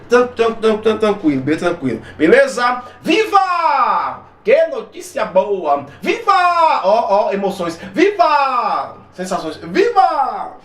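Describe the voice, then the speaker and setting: Brazilian male teacher, high bright voice, theatrical exam-prep delivery, echoey room. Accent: Brazilian Portuguese. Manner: theatrical, shouting exclamations, chatty asides. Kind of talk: animated exam-prep grammar lesson.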